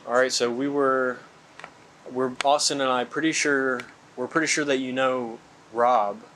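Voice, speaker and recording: A man's voice: medium pitch, fairly even intonation, measured pace, a bit bright, a little hiss or hum, poor audio. A young man talking casually and slangily while ghost hunting, calling out to spirits as he vlogs. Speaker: paranormal investigator. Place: indoors in a large old house.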